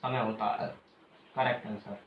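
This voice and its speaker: A male teacher giving a classroom lecture who keeps asking questions and pauses for students to call out the answers, then repeats the key terms slowly. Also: fairly low pitch, fairly even intonation. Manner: quizzes students, pausing for them to finish answers. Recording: echoey room, muffled, faint hiss.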